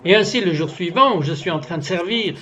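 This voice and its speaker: A man's voice: sits high, expressive, a little fast, fairly bright tone, lo-fi sound. A man giving a French voice-over of a guest's testimony, telling it earnestly and acting out its dialogue. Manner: earnest storytelling, acts out the dialogue of his story.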